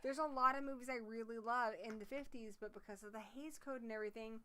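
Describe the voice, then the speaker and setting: A woman's voice: on the high side, steady tone, fast talker, pushed and bright, slight background noise. A woman co-hosting a horror livestream in casual chat, talking with enthusiasm and swearing freely.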